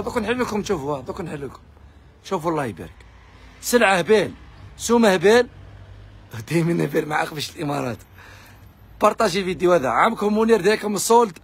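A man with an Algerian accent, pitching fabric discounts in a pushy live sales video. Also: husky. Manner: rapid, pushy hawking to viewers. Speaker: fabric shop seller.

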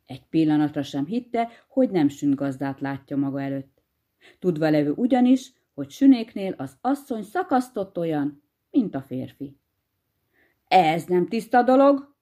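A woman reading a fairy tale aloud, lively and expressive as a storyteller. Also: low-pitched.

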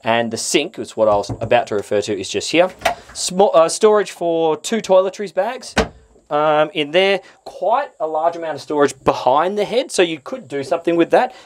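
A man's voice: on the high side, dry recording. Chatty Australian man on a boat. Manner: enthusiastic, chatty, with frequent fillers and restarts. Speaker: boat reviewer. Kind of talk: walkthrough presentation. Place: outdoors on a boat on a calm waterway. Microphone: lapel mic.

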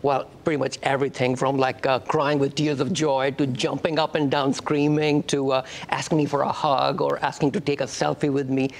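A Pakistani man in his fifties, a facial plastic surgeon, talks conversationally as a guest on a TV studio talk-show set. His Pakistani-accented voice is medium-pitched and flat, brisk with vocal fry and hardly any pauses.

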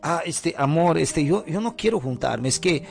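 A man's voice: a little high, animated, normal speed, gravelly, faint music behind. A man voicing a hesitant young man who stammers and dodges responsibility. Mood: evasive.

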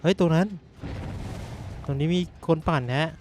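A young man giving excitable live commentary over his own gameplay, breaking into shouts and grunts. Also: on the high side, measured pace, noisy background. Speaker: gaming YouTuber.

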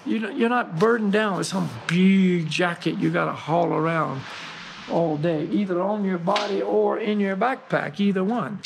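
A man's voice: high-pitched, normal speed, creaky, crowd noise. A man hosting a mountain gear show, casually demonstrating clothing in a folksy, emphatic way with lots of fillers. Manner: folksy, emphatic, with many "you know" fillers.

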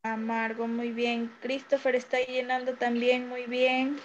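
A woman's voice: a little high, completely flat delivery, unhurried, highs cut off, soft background music. A woman with a Peruvian Spanish accent teaching young children in an online class, patiently going over an exam and checking in often. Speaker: primary school teacher. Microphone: video call.

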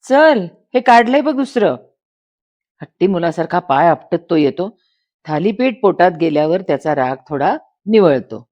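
A woman narrating a literary short story in a soft, lyrical, unhurried way. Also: medium pitch.

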